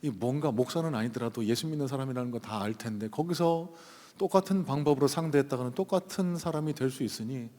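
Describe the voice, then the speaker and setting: A man of ordinary pitch preaches from the pulpit, recounting a story in a chatty way with many hesitant pauses and fillers. His voice rings out with the long reverb of a church sanctuary. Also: dark tone. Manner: conversational anecdote with frequent hesitant fillers. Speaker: pastor. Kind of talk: storytelling sermon.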